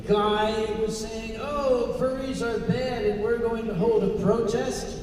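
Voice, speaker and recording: A man with a New England accent bantering on a convention panel, spinning deadpan tall tales and then admitting he made them up. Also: very high-pitched, measured pace, noisy background. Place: convention hall stage. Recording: echoey hall from far off with crowd.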